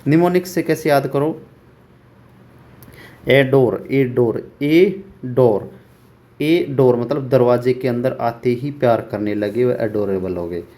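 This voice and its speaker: A man teaching English vocabulary for exams, repeating words slowly and asking rhetorical questions. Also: mid-range voice, mellow. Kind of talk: exam-prep vocabulary lesson.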